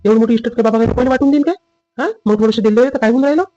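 A man playing a dutiful husband and son in a family drama skit, with a rapid, lecturing manner. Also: very high-pitched, warm tone, no echo, highs cut off. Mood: placating.

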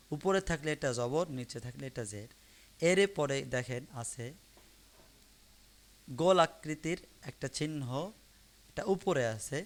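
A man with a medium-pitched, fairly bright voice runs an online live class on reading the Quran. He teaches Arabic letters, patiently repeating each syllable for his students to follow.

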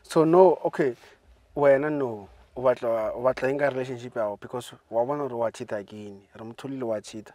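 A man's voice: mid-range voice, brisk, a little mellow, no room sound. A young man with a South African accent hosting a conversational interview in a car, giving advice and mixing English phrases into local speech. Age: young adult. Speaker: host and interviewer. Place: inside a parked car. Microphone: handheld microphone and lapel mic.

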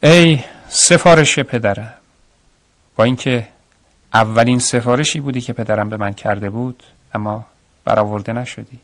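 A man's voice: mid-range voice, dry recording. A man narrating a radio story in the first person, reflective and earnest, on a studio mic.

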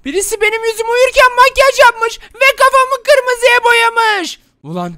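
A man voicing an excitable, easily scared grown man in a Minecraft role-play, shrieking and whining in panic. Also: extremely high pitch, gravelly, full character voice. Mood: startled, indignant. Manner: shrieking, whiny, quick to panic. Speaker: game video host.

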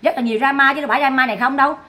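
A woman's voice: sits high, racing, sharp tone. A woman doing gossip commentary to her viewers, scolding and repeating herself for emphasis. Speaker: online commentator.

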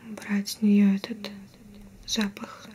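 Whispered role-play, woman acting a mystical cult priestess, hushed, reverent, reassuring, very even pitch, slow pace. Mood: soothing, reassuring. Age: young adult. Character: mystical female sea-cult priestess, solemn and soothing. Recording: whispered recording with clear background noise, ambience.

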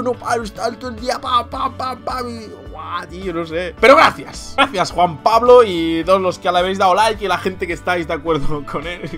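A young man from Spain with a Spanish accent, chatting casually and jokily as he reads viewer comments in a vlog, laughing often. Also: sits high. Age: young adult. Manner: animated, jokey, laughs often, says "tío" a lot. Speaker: youtuber.

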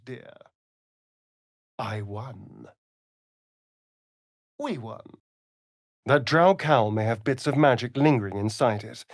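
Voicing a fantasy game's elegant vampire rogue, a British-accented speaker drawls unhurriedly, pitch swooping mockingly and flirtatiously. It's heavily acted, vain, arch and openly theatrical, with a dismissive, brisk mood. The recording is dry with clean studio sound.

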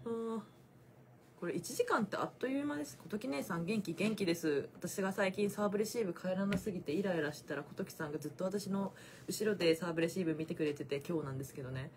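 A woman's voice: fairly low pitch, fast talker, a little mellow, a little hiss or hum. A young woman with a Kansai accent, chatting and teasing on a casual phone livestream, laughing often. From Osaka, Japan. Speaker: volleyball player on a fan livestream.

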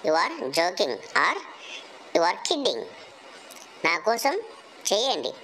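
A woman teaching English phrases, reading each one slowly after its Telugu translation. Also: mid-range voice, sing-song, fairly bright tone, slight background noise, low-quality recording. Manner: slow, deliberate reading of phrase pairs.

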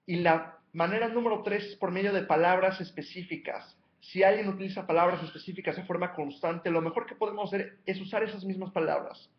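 A man's voice: high voice, reverberant, lo-fi sound. A man giving a motivational coaching talk, emphatically counting off numbered steps and repeating his key points. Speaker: life coach.

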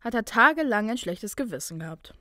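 A woman's voice: fairly high pitch, expressive, brisk, bright, forceful tone, dry recording, studio quality. A woman voicing a cocky, teasing young male wizard student. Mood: jovial. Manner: loose, teasing, mocking.

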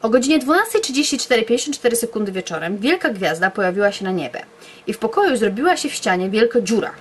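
A woman's voice: on the high side, sing-song, quick pace, slightly rough. Playful young woman reading bedtime stories. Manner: playful storytelling with offhand asides. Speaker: YouTuber. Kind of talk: reading her childhood stories aloud.

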